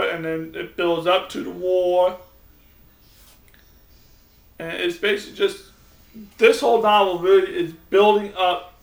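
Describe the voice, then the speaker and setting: A man's voice: high voice, vocal fry. A man giving a casual, rambling vlog book review, often restarting his sentences. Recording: echoey room, mic at a distance.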